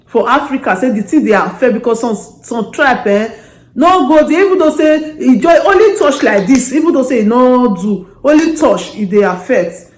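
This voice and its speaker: A woman host talks in Nigerian Pidgin with a Nigerian accent, in a fairly high voice. She gives casual, animated advice straight to her audience. The sound is noticeably echoey. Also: moderate pace.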